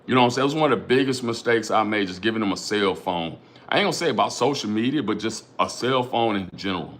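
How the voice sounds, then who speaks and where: Animated, profane middle-aged male host. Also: lowish voice, quick pace, a little hiss or hum. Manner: animated, profane, rhetorical, keeps addressing chat viewers by name; repeats phrases and asks "you know what I'm saying". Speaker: livestream host reading chat. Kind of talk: casual livestream talk.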